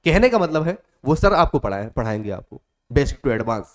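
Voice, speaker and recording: A man's voice: mid-range voice, sing-song, normal speed. Coaxing male coaching teacher. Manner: repetitive, coaxing, calls students "beta". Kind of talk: motivational classroom talk.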